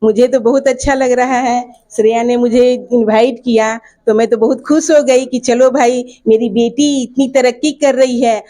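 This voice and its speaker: A woman's voice: fairly high pitch, fairly even intonation, moderate pace, few pauses, dark tone. A middle-aged woman, an invited guest answering interview questions in a chatty, homely, colloquial way. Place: at a beauty studio opening event.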